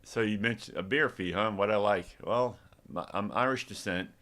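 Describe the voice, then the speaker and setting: Man, deep low voice, middle-aged, rambling casual live stream talk. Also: moderate pace, a bit bright. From Texas. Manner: rambling, many restarts and fillers. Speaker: app developer and business owner.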